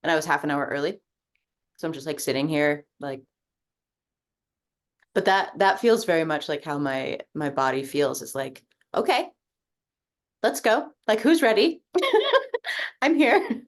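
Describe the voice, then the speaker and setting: On a group coaching video call, a participant shares casually and reflectively, using lots of fillers and swearing easily. Her low-pitched voice is expressive and unhurried, with frequent pauses.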